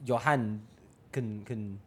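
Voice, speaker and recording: A man's voice: on the low side, fairly even intonation, slow pace, crowd noise. A young man with a London roadman accent bantering casually in slang and repeating his phrases. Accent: London roadman, Multicultural London English.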